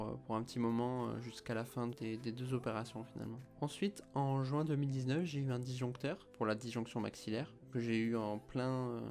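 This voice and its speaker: A man's voice: mid-range voice, a little mellow. A man in his early twenties from France, with a French accent, explaining things in a personal vlog with a slight slushy lisp on his s sounds and slightly mumbled words. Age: early 20s. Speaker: vlogger telling of his own treatment. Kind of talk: explanatory vlog talk to camera. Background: music.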